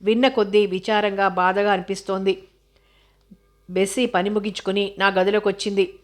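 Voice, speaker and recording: Woman narrating in a flat, steady voice. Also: mid-range voice, moderate pace. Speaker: audiobook narrator. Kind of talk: scripted narration.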